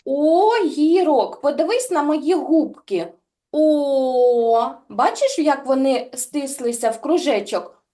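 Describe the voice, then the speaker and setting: High-voiced woman teaching small children. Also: dark tone. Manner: slow, exaggerated articulation of sounds; encouraging, praising pupils by pet names. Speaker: speech development teacher. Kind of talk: online lesson for young children. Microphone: video call.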